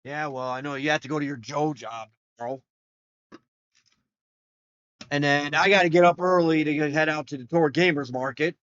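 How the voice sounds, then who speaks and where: A man's voice: fairly high pitch, moderate pace, long pauses, clean tone, no room sound, lo-fi sound. A man hosting a casual gaming live stream, talking loosely and swearing at the games as he plays. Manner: loud excited outbursts, cursing. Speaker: streamer host.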